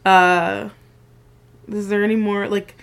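A woman's voice: medium pitch, little pitch movement, slow, gravelly, clean tone. A woman in her thirties co-hosting a podcast in casual chat, chatty with trailing restarts and frequent laughter. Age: 30s. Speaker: podcast co-host.

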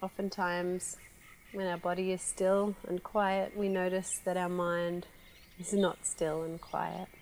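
Woman with a lowish voice talking slow and soft through a relaxation meditation, faint birds in the back. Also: slight background noise. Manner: slow, soft, calm with long pauses. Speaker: meditation guide.

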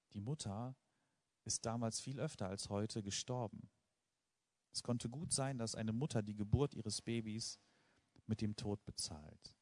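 A man's voice: fairly low pitch, darkish tone. A man preaching a sermon to a live congregation, earnest and emphatic, driving points home with rhetorical questions and repetition.

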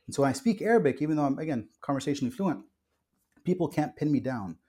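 Fast and animated, this man's slightly high, warm voice belongs to a pastor who was born in Kuwait and grew up in the US. Interviewed on a podcast, he is earnest and reflective, with frequent fillers and restarts.

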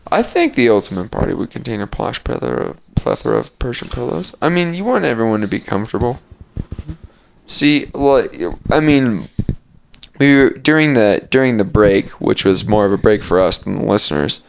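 A young man hosting a podcast tells loose, rambling stories in a casual chat, laughing often and swearing casually. His voice is medium-pitched and animated with vocal fry, at a moderate pace.

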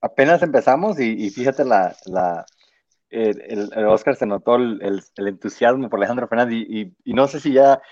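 A man's voice: mid-range voice, moderate pace, darkish tone, no room sound. A man with a Mexican-American accent, co-hosting a casual podcast chat and mixing in English words. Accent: Mexican-American Spanish. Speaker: podcast co-host. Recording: dry, dull lo-fi sound.

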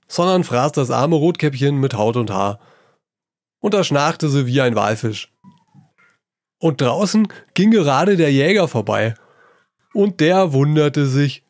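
A man giving a gruff, salty performed reading of a comic story, in the voice of an old sailor yarning to children. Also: a little high, a little mellow, no echo, clean studio sound.

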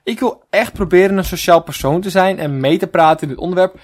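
A man's voice: sits high, fairly quick. A man, co-hosting a casual comedic chat, joking and laughing often. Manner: animated, joking, laughs often, puts on voices in anecdotes. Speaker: podcast co-host.

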